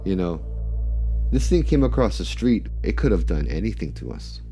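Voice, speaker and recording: A man's voice: low voice, big pitch swings, moderate pace, mellow, soft background music. A man telling a personal story as a storyteller. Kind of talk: spoken personal storytelling of a spirit legend.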